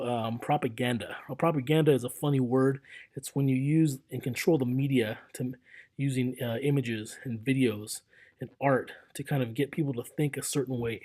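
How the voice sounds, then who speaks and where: A man's voice: mid-range voice, a little mellow. A young man lecturing casually over slides as a history teacher, talking in a loose, conversational way with fillers and restarts.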